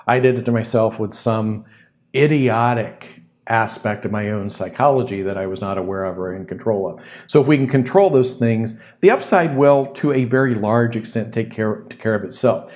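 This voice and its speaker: Recorded close on a studio mic, yet with dull audio, a man with a darkish, lowish voice answers a listener's question on his solo podcast. He speaks at normal speed, reflective and thoughtful, frequently repeating words while he thinks.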